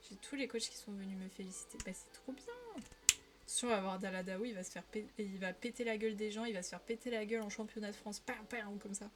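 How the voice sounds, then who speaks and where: Young woman, live-stream host, casual coloring chat, talks to viewers, mid pitch, soft music underneath. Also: steady tone, fast. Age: young adult. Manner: chatty, talks straight to her viewers.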